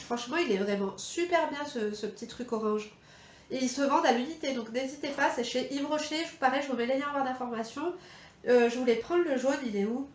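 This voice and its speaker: In an echoey room at her home, a French-accented woman with a high voice chats her way through a makeup tutorial. The beauty vlogger wanders off topic often, dropping slangy asides and plenty of fillers.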